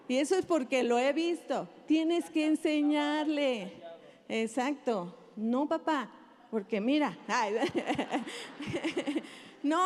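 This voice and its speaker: A woman's voice: high-pitched, slight background noise. A woman pastor preaching to parents in a conversational way, acting out parents and children. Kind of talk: sermon to parents. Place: large auditorium. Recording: live hall reverb.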